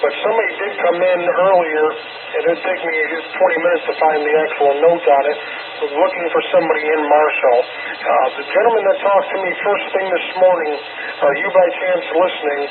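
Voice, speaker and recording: A man's voice: fairly high pitch, steady tone, fairly quick. Man on a static-filled ham radio channel. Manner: procedural, polite, repeats call signs. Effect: heard over a ham radio transmission. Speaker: amateur radio net control operator. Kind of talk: radio net procedure talk. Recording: tinny radio transmission with loud static.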